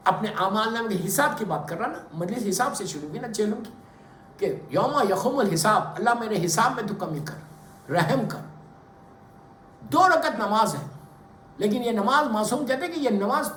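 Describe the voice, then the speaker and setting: Lively, high-voiced male preacher in echo. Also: moderate pace. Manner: emphatic, repeats phrases, mixes in English words. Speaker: preacher at a memorial gathering. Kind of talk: sermon. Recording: echoey room with faint noise.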